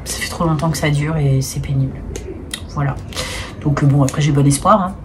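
A woman with a deep, low voice thinks aloud to camera, pausing often and searching for her words. A faint background hiss sits under the recording. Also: steady tone. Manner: hesitant and reflective, many fillers. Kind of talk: casual chat to camera.

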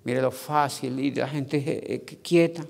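Male seminar speaker, animated and loud at times, gravelly tone, reverberant hall. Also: medium pitch, unhurried. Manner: animated, acts out dialogues, loud bursts. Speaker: motivational business speaker. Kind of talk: energetic seminar talk. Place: large convention hall.

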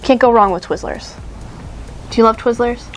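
A woman's voice: on the high side, moderate pace, soft background music. A woman in her thirties hosting a casual candy shop chat, upbeat and chatty with fillers and small laughs.

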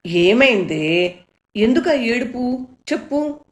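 A woman's voice: lowish voice, measured pace, reverberant, close to an everyday voice. A woman voicing an anxious, caring middle-aged mother who fusses over her daughter, raised a little above her own reading voice. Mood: worried. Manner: fretful and fussing, then soothing.

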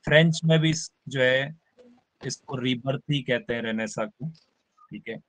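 A man's voice: medium pitch, a bit bright. Male teacher, live online lecture, patient step-by-step explainer who keeps checking in with students. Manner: spells out words slowly for emphasis.

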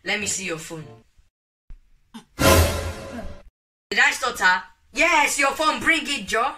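A man's voice: very high-pitched, expressive, slow, far from the mic, music in the background, exaggerated voice. A young teenage boy with a West African accent playing a stern, suspicious, melodramatic parent in a homemade comedy skit, scolding with threats and exclamations. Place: small bedroom indoors.

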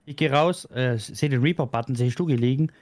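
A man's voice: mid-range voice, fairly quick, darkish tone, no room sound. A man in casual voice chat during a social deduction game, laying out what happened step by step to defend himself. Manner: lays out events step by step, defensive. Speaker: game player.

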